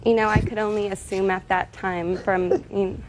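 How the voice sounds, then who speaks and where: A woman with an American accent testifying as a plaintiff, explaining in a measured, hesitant way. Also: mid-range voice, little pitch movement. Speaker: plaintiff in TV small-claims court. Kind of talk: courtroom testimony. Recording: TV courtroom with faint noise.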